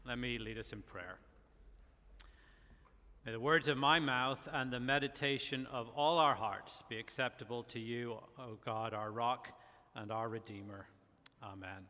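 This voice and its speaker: A middle-aged man from Northern Ireland with a faint Northern Irish accent, preaching a sermon as guest pastor in a measured way, often pausing on "uh". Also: medium pitch, bright, forceful tone. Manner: measured, with frequent "uh" fillers. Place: church sanctuary. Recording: long church reverb.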